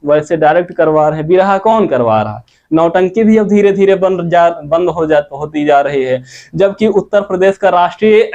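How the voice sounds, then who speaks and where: High-voiced male teacher explaining grammar. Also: a little mellow. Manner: asks questions and answers them himself, drawn-out sung examples. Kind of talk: classroom grammar lesson. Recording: dull lo-fi recording.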